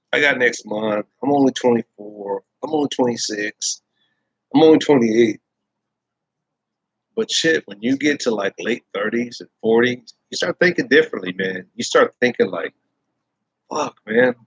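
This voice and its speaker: A man's voice: mid-range voice, husky, dry recording, rough recording. A man in his thirties hosting a casual live chat, rambling and swearing freely. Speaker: host.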